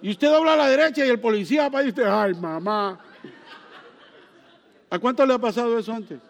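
Guy preaching w a high voice, animated, throws out questions to the crowd. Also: rapid-fire, dull audio. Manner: animated storytelling with sudden exclamations; asks the congregation questions. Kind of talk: sermon.

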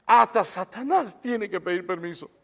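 High-voiced preaching man, emphatic. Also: lively intonation, normal speed, vocal fry, sharp tone. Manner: emphatic preaching, rhetorical questions to the congregation. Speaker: pastor. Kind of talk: sermon.

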